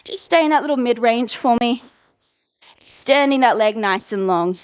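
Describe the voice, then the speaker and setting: Upbeat woman workout coach, higher voice, dull lo-fi recording, counts down reps. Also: animated, clean tone. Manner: encouraging, brisk coaching with countdowns. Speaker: fitness instructor. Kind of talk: live workout cueing.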